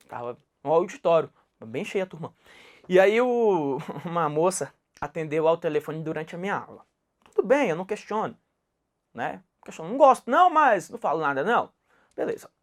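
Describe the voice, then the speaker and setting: A male Portuguese teacher with a Goiás accent gives an anecdotal grammar lecture. His pitch swings widely as he tells stories, and he slips into the voices of the people he quotes. The delivery is animated and conversational. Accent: Goiás Brazilian Portuguese. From Goiás, Brazil.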